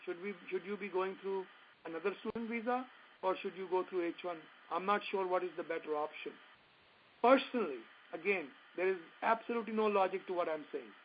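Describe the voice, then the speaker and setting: A man's voice: high-pitched, brisk. A man with a North Indian accent hosting a call-in advice session, plain-spoken and reassuring. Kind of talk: advisory call-in talk. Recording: dull radio-like sound with faint noise.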